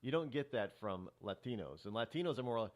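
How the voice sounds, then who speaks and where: A man's voice: mid-range voice, lively intonation, brisk. A middle-aged man hosting a talk show, rambling through a casual monologue with many restarts and fillers.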